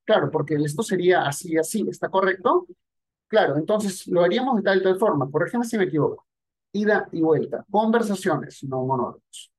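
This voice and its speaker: A man's voice: high voice, animated, fairly quick. A man teaching sales techniques in a direct, conversational monologue aimed at the listener. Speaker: sales coach. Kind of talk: instructional monologue.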